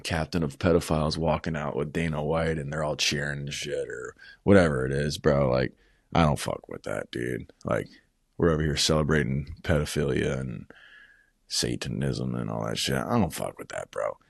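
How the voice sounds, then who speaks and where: A man's voice: rumbling low, normal speed, creaky, no echo, studio quality. A man casually recapping fight events at home, rambling and swearing, tossing in "bro" and "man" constantly. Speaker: combat sports vlogger.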